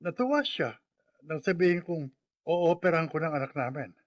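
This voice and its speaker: A man's voice: a little high, sing-song, normal speed, no room sound, highs cut off. A man playing a flustered, defensive husband in a radio drama, who stammers as he talks.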